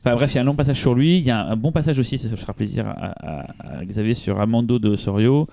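A man's voice: mid-range voice, quick pace, vocal fry, dark tone, slight background noise. A man co-hosting a podcast, presenting a film in casual chat with frequent restarts and hesitations. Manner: rambling, many restarts and hesitations.

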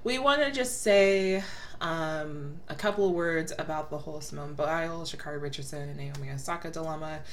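A woman co-hosting a casual podcast chat, chatty and quick to laugh, trailing off with fillers. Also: low voice, slight background noise. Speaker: podcast co-host.

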